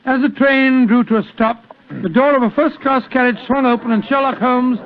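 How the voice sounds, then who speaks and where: An actor playing a genial, fussy older English doctor with a hesitant, bumbling manner, in 1940s radio style. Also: male voice, very high voice, fairly even intonation, normal speed. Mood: storytelling. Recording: tinny, noisy old radio broadcast.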